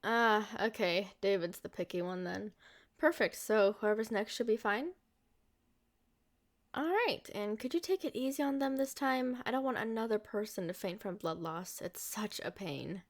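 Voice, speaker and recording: Here the woman again plays the ageless, youthful-looking vampire girlfriend, addressing the listener with expressive sweetness and affection. The mood turns businesslike. She speaks at normal speed in a mid-range voice close to her everyday one.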